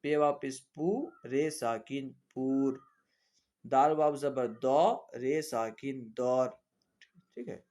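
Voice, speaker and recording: Slow, patient male reading teacher. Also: medium pitch, a little mellow. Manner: spells out letters and vowel marks, repeating words aloud for students; patient, instructive. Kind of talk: classroom reading lesson.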